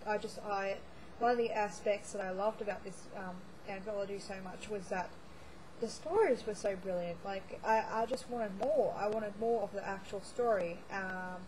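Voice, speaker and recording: In a low-quality recording with a bit of hiss or hum, a book blogger talks at a moderate pace in a medium-pitched, darkish voice. Her voice is beginning to fail as she rambles through a casual monthly reading vlog, full of fillers and restarts.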